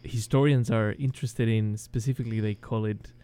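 Speaking English as his second language, a man from Chile with a Chilean Spanish accent chats as an interview guest over a video call. His voice is fairly low, clear, and resonant, with fairly even intonation and a fairly quick pace, though he hesitates, restarting often, saying um a lot, and chuckling softly.

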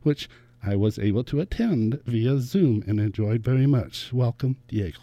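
A man's voice: medium pitch, expressive, normal speed, dark tone, dry recording. A man hosting an interview, welcoming his guest and asking about his background, with short encouraging murmurs. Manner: brief, encouraging backchannels. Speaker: host.

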